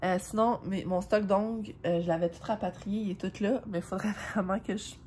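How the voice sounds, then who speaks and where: A woman's voice: mid-range voice, fairly even intonation, a little fast, darkish tone, a little hiss or hum. A young woman with a Quebec French accent chatting casually to her vlog camera at home, rambling along with lots of fillers and little laughs. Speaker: vlogger.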